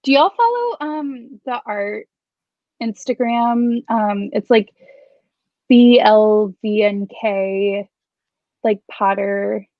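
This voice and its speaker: A woman's voice: mid-range voice, lively intonation, slow, dry recording. A woman chatting casually with friends in a wry, candid, hesitant way on slightly muffled audio. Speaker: guest on a book chat livestream. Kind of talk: casual group chat.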